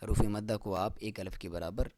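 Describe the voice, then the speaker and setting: Low-voiced man teaching Quran recitation. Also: fairly even intonation, a little mellow, dry recording. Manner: explains rules plainly, then recites verses slowly in a raised voice. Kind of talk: step-by-step tajweed lesson.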